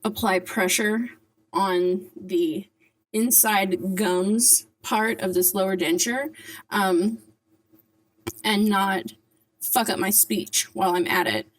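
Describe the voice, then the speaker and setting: A woman's voice: medium pitch, steady tone, slow pace, rough recording. A woman talking casually to camera in a vlog, articulating carefully around dentures, with a slight lisp and hard, whistling S sounds. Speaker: vlogger.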